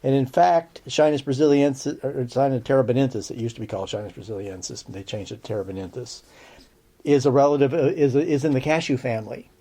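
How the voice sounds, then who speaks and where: Male podcast herbalist, mid-pitched, mellow tone, chatty teacher with a dry edge. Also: steady tone, fast. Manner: chatty, checks in with "okay?"; dry sarcastic asides. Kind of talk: casual spoken lesson.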